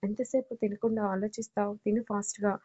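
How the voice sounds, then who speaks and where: Cheeky young guy chasing his girl, woman reading him, dark mellow voice, kinda monotone, dull audio. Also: mid-range voice, brisk, slightly rough, lightly acted. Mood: teasing. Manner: teasing, cheeky. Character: young man, teasing, persistent suitor.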